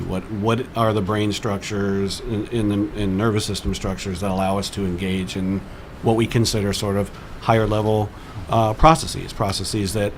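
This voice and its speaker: A man's voice: on the low side, slight background noise. A man, a psychology professor, explaining his field as a radio guest in a lecturing way, often restarting words. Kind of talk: explanatory interview talk.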